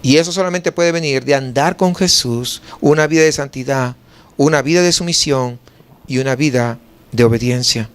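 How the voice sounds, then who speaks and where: A man's voice: mid-range voice, normal speed, smooth. A male pastor with a Mexican Spanish accent preaching a sermon, asking rhetorical questions and answering them himself.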